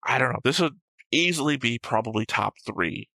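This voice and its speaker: In a dry recording, a reaction-show co-host talks through his views with animation at normal speed, his medium-pitched voice creaky, bright, and forceful. The conversation is casual and argumentative, mixing discussion with episode commentary.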